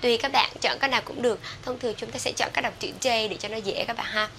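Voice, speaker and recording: A Vietnamese woman with a Vietnamese accent giving an English pronunciation lesson, drawing out model words slowly between quick explanations. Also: on the high side, fairly bright tone, a little hiss or hum. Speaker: English teacher.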